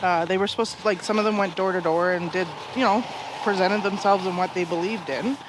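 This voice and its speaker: A man's voice: high-pitched, brisk, noisy background. A man from Alberta with a Canadian accent, giving emphatic, opinionated answers in a conversational interview. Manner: emphatic, opinionated, uses rhetorical questions. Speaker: interview guest.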